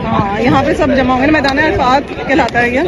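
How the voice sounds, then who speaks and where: A woman travel vlogger with a high voice speaks briskly over a noisy crowd. In casual vlog chat and voice-over, she explains religious sites in an earnest, flowing way.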